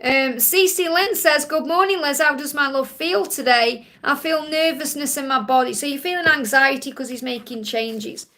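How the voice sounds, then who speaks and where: High and sharp in tone, at a moderate pace with hardly any pauses, the voice belongs to a woman from Stoke, England, who has a Stoke accent. She hosts a live Q&A as a psychic card reader, giving viewers reassuring spiritual readings and often checking in with "okay?".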